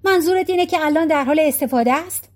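A woman's voice: sits high, pitched above the performer's own voice, lightly acted. A woman reading a storybook voicing an impatient middle-aged husband who keeps asking pointed questions. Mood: exasperated.

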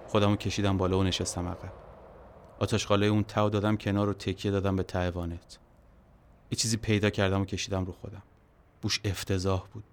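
A man telling a first-person story in a quiet, measured, brooding way. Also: deep voice, a little hiss or hum.

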